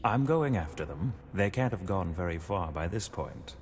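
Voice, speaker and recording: An actor playing a stern, resolute leader in an anime dub. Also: male voice, low voice, lively intonation, moderate pace. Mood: grave. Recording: reverberant hall, faint noise.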